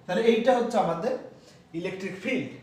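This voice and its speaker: A man's voice: high voice, quick pace, darkish tone, slight background noise. A man giving a physics lecture, explaining step by step with many fillers and checks for understanding. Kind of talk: classroom lecture. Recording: echoey room, voice from a distance.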